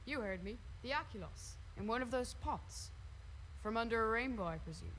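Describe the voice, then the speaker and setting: A woman's voice: on the high side, expressive, moderate pace, fairly bright tone, a little hiss or hum, poor audio. An actress playing a grown female fairy, speaking in a dry, teasing way in a movie clip. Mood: wry.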